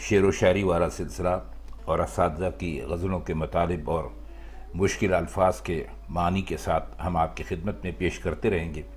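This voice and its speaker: A man's voice: deep voice, fairly even intonation, moderate pace. A man teaching the correct pronunciation of words in a formal, careful way, repeating words for emphasis. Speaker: Urdu language teacher. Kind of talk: spoken lesson on pronunciation.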